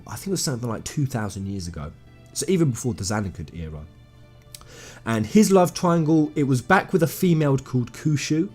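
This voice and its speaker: With a dark tone and a breathy edge to his medium-pitched voice, a man casually walks viewers through video game lore. He calls them "guys" and leans into emphatic, conversational phrasing.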